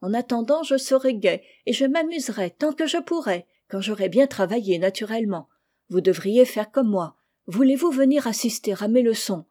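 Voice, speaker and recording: A woman voicing an eager, curious young girl in an audiobook reading, speaking with lively enthusiasm. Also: on the high side, normal speed, voice pushed up. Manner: enthusiastic, animated.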